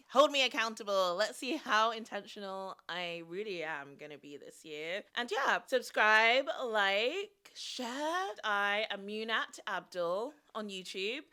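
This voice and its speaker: A young woman vlogger chatting casually to her viewers in an animated, self-mocking way, with a slight vocal fry. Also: on the high side. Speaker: YouTube vlogger. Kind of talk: casual chatty vlog talk to camera.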